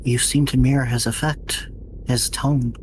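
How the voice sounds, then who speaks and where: A woman voicing a calm, observant android who talks bluntly, in a fandub. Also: extremely low pitch, a little slow, a little hiss or hum. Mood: even. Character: calm, probing android companion. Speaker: fandub voice actor.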